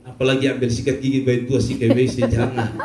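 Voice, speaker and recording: A man preaching a sermon as a pastor, telling stories with humor and bursts of shouting. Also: mid-range voice, little pitch movement, quick pace, reverberant, noisy background. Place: church.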